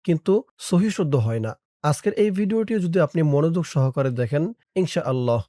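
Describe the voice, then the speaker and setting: A man teaching prayer recitation, spelling words syllable by syllable and chanting them slowly. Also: on the high side, mellow, no room sound, clean studio sound. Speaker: religious teacher. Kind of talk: spelling lesson in Arabic recitation.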